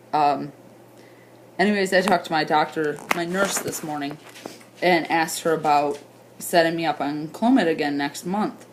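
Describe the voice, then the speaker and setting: A woman's voice: low-pitched, slight background noise. A young woman giving a tearful, rambling vlog update, crying and laughing as she talks. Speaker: vlogger. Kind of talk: emotional personal vlog update.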